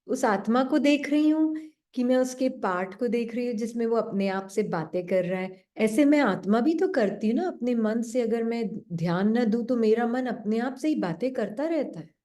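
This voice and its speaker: A woman teaches an online class over a computer mic. Her voice sits fairly high but sounds mellow and dark, and she talks gently, often asking questions. She sinks low to act out the nagging inner voice. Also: expressive, normal speed, few pauses. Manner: gentle, questioning, acts out the doubting mind in a low voice. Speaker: spiritual teacher. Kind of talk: spiritual talk to an online class.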